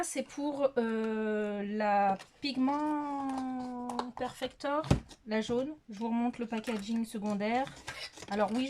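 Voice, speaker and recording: A middle-aged beauty vlogger talks casually through a makeup tutorial in her bedroom, recorded on a phone camera, her slightly high voice a little mellow. She's hesitant and full of fillers, often laughing at herself, and there's a faint hiss or hum.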